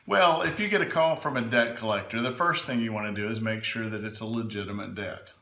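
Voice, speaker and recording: Male adviser, lowish forceful voice, emphatic explainer in a conversational interview, roomy sound. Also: a little fast. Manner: emphatic, checks in with "right?" and "okay?". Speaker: legal adviser being interviewed. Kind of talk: informal explanatory interview answers. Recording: echoey room.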